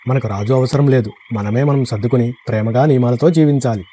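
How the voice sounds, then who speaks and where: A man's voice: mid-range voice, brisk, dark tone, a little hiss or hum, close to an everyday voice. A man voicing a brave young frog in a storybook tale, speaking in a plain declaring tone. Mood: resolute.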